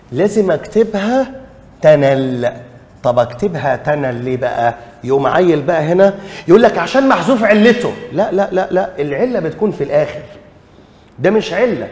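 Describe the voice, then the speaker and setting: A man's voice: on the high side, darkish tone, reverberant, big-room sound. A man with an Egyptian Arabic accent teaching an exam revision lesson, emphatic, repeating key rules and quizzing his students.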